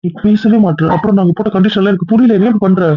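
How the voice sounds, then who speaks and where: A man's voice: high-pitched, no room sound. A man playing a possessive young husband. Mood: insistent. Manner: pleading then insistent, quick. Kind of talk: hobby audio drama. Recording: tinny phone-like dry sound.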